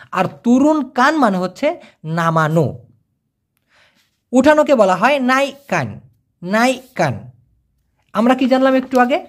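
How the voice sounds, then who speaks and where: A language teacher, explaining vocabulary over pictures and checking understanding with quick questions. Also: mid-range voice. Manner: repeats each word and checks with quick questions.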